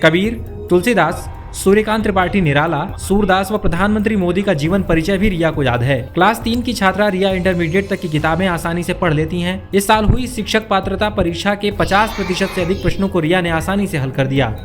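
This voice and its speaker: High-pitched man narrating a news feature. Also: fairly quick, faint music behind.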